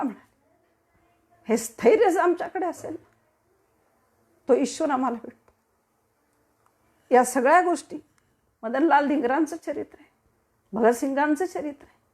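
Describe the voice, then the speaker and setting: A woman's voice: sits high, a little mellow. A woman from Maharashtra giving a devotional discourse as a kirtan preacher, rhetorical and declaiming with sudden swells.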